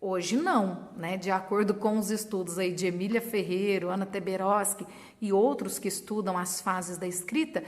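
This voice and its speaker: A woman's voice: mid-range voice, fairly even intonation, moderate pace. A woman with a Brazilian Portuguese accent explaining literacy stages to teachers, patiently sounding out words syllable by syllable. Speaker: teacher trainer. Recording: long reverb.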